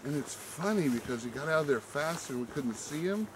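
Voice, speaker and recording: A man's voice: on the high side, fairly quick, crowd noise, poor audio. Middle-aged man chatting on a forest hike. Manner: excited, mimics owl hoots. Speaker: hiker. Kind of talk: casual chat. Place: forest trail outdoors. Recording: outdoor camera audio with noise.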